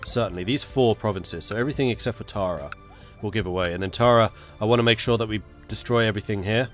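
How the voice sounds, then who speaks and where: Congested from a cold, this male gaming streamer talks fast in a lowish voice, with faint music in the background. He keeps up casual live commentary, chatting with viewers and muttering to himself as he plans moves in a strategy game.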